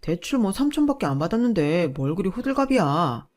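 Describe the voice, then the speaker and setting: A woman's voice: on the low side, big pitch swings, a little fast, a little mellow, soft background music. Woman playing a sneering, selfish husband. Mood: dismissive. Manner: dismissive and sneering. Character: selfish, defensive young husband, quick to argue.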